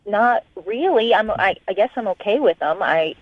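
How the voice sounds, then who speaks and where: A woman's voice: mid-range voice, expressive, moderate pace, dry recording. A woman on a phone call to a radio show, hesitant at first and then indignant about a date. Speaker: caller. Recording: muffled phone line.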